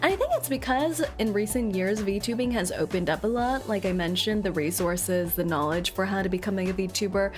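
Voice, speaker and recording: A woman's voice: mid-range voice, moderate pace, hardly any pauses, faint music behind. A woman chatting casually on a livestream to her viewers, with a playful, cute anime-streamer delivery. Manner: playful, giggly. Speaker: VTuber streamer.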